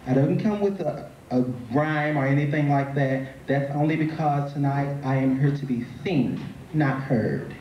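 A man's voice: a little high, measured pace. A man introducing himself on stage as a pageant contestant. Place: theatre stage, indoors. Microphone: handheld stage mic, filmed from audience. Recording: dull, noisy, echoey hall sound.

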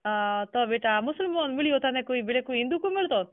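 This casual phone call features a man with a Rajasthani accent whose very high voice is animated and a little fast. There's no echo, just the tinny, narrow sound of a telephone, as he poses questions and repeats words back.

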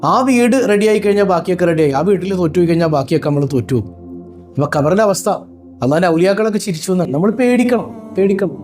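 A man preaching to his followers, asking rhetorical questions and chanting Arabic phrases slowly. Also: sits high, expressive, a little mellow, faint music behind. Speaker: Islamic preacher. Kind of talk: religious talk to followers.

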